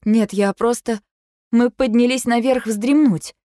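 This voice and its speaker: A woman voicing an exhausted, anxious young mother who pleads and rises to shouts. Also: a little high, fairly even intonation, unhurried, dry recording, clean studio sound, pitched above the performer's own voice, lightly acted. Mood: pleading.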